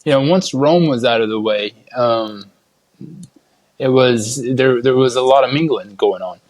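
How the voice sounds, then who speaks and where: Podcast host: man, mid-pitched voice, casual chat, very dry recording. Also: measured pace, darkish tone, dry recording, rough recording.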